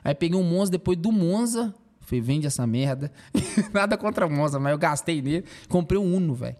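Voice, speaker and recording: A young man, a podcast guest telling a personal story in an emotional, animated way with lots of slang fillers. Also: sits high, brisk.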